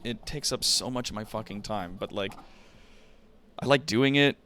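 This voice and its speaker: A man with a lowish, fairly bright voice hosts a livestream at normal speed. He's a content creator chatting casually and straight to his viewers, using slangy, profane language.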